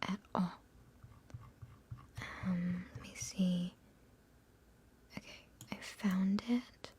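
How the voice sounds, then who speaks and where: A woman's voice: lowish voice, little pitch movement, very slow, warm tone, a little hiss or hum. A young woman, an ASMR streamer, chatting and answering questions in a whisper, giggly and self-mocking. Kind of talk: whispered live Q&A ramble.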